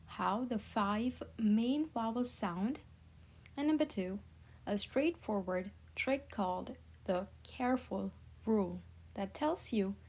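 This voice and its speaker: Slow, patient woman teaching French. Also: medium pitch, darkish tone, slightly rough. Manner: slow, patient, drills sounds for repetition. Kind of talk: beginner language lesson.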